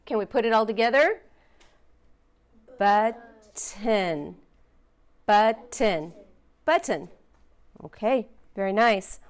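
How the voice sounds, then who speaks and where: A woman's voice: medium pitch, animated, takes it slowly, pauses often. A woman teaching a phonics lesson, patiently sounding out letters and words and encouraging her learners.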